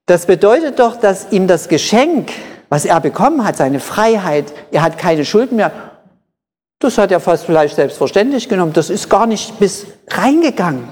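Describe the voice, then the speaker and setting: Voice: mid-range voice, very animated, moderate pace, a little mellow, breathy edge. Preacher in a long-reverb hall. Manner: explains in short phrases, repeats key points for emphasis. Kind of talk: sermon.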